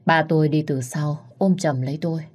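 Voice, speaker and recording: A woman's voice: sits low, a little fast, a little mellow, breathy edge. A woman narrating a dramatic family story in the first person.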